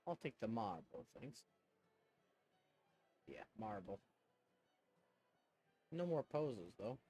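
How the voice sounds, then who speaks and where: A man's voice: on the low side, big pitch swings, slow pace, dark tone, breathy edge, faint music behind. A man chatting casually and rambling in a self-conscious way as he plays a game, thinking aloud as he goes. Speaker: video game streamer. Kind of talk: casual chat and commentary while playing a game.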